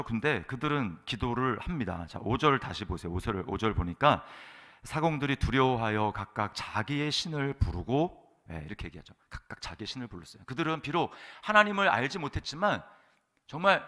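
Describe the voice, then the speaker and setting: A man delivers a sermon as pastor of a church. His voice is bright and forceful, and he preaches emphatically, punctuating his points with rhetorical questions and frequent affirmations. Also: mid-range voice.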